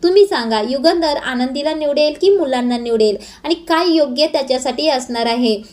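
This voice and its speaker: A woman's voice: high voice, a little fast, darkish tone. A woman narrating a dramatic recap of a TV serial episode, addressing viewers directly.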